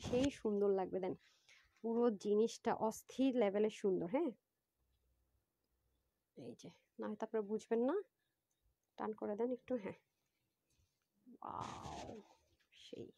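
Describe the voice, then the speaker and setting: A woman selling clothes on a live phone stream, chatty and excited, talking straight to viewers. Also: a little high, moderate pace, vocal fry, long pauses, no room sound. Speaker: online clothing seller.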